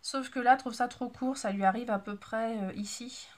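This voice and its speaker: A woman's voice: fairly high pitch, a little fast. A woman, a mother, chatting casually to her viewers in a rambling, self-mocking way with many fillers. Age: adult with a child. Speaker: sewing and knitting vlogger. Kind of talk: casual chat to camera.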